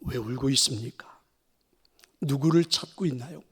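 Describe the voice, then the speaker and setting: A man voicing a gentle, calm Jesus in a sermon retelling, speaking softly and tenderly. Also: medium pitch, normal speed, slightly rough, voice pushed down. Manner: soft, tender, hushed.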